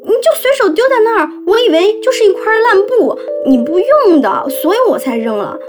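A woman voicing her gentle mother in a quick, higher voice, brushing off the family's mockery. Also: very animated, over music. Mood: defensive.

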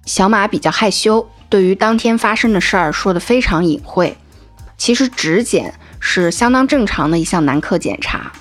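A woman podcast host giving a calm, measured scripted narration. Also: medium pitch, soft background music.

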